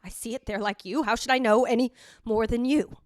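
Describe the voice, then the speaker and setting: A woman's voice: on the high side, steady tone, brisk, dry recording, clean studio sound, natural voice. A woman playing a stern, snappish sister in an old-time radio ghost drama, curt and sharply emphatic. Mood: testy, defensive.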